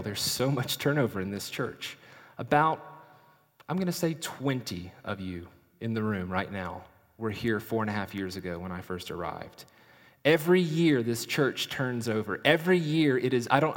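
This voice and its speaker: A male pastor preaching a sermon in a church, slow and dramatic, dropping to a hush and then rising for emphasis. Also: medium pitch. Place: church sanctuary. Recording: long reverb of a large hall.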